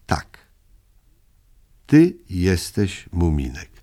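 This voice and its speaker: A man voicing a calm, kind mother troll who speaks gently. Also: mid-range voice, slow, voice pushed up, full character voice. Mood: tender.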